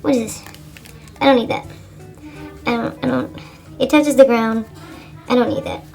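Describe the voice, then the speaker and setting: A woman's voice: a little high, fairly even intonation, moderate pace, vocal fry, darkish tone, far from the mic, soft background music, poor audio. A woman vlogger giving a casual how-to, joking and profane, who keeps asking "you know?". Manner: joking, self-mocking. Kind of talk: casual tutorial chat.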